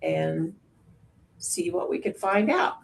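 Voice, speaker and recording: Older retired minister, woman, slow gravelly speech, hesitant call intro. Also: lowish voice. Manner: hesitant, with pauses and fillers. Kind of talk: introducing herself on a video call. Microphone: video call.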